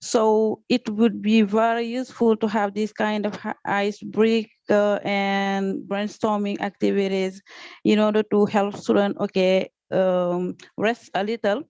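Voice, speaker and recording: A Senegalese teacher with a medium-pitched, level, slightly mellow and clean voice speaks at a measured pace during an online training. Her unscripted group-class comment is hesitant, full of repeated words and frequent "okay"s. The recording is dry and dull.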